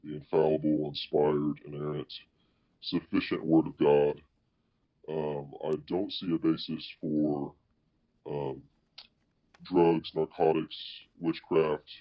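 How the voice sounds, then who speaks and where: A man speaking as a police officer in an interview, in measured, formal wording, his voice electronically distorted into a deep disguise. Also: flat delivery. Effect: voice electronically distorted to sound deeper, as a disguise. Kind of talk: interview, explaining at length. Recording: dull, muffled lo-fi audio.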